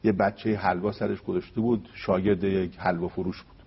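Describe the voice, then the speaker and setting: A man giving a religious talk, telling a story and reciting verses slowly and deliberately. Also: low-pitched, flat delivery, gravelly, husky, highs cut off. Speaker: religious speaker.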